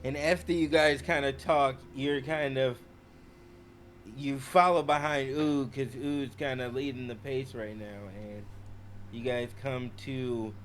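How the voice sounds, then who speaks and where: A man running a tabletop game as game master, narrating slowly and deliberately. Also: mid-range voice, fairly even intonation.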